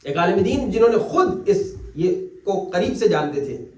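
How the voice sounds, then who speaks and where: A man's voice: high voice, very animated, dark tone, slight background noise. A male Islamic cleric giving a religious lecture, telling stories and acting out the voices of the people in them. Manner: storytelling, acts out quoted voices. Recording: echoey hall, mic at a distance.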